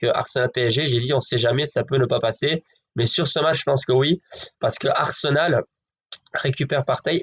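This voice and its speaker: A man's voice: on the high side, a bit bright. A man giving football betting predictions in a casual, chatty way, talking straight to his viewers with lots of fillers. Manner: chatty, addresses viewers as friends, hedges with fillers.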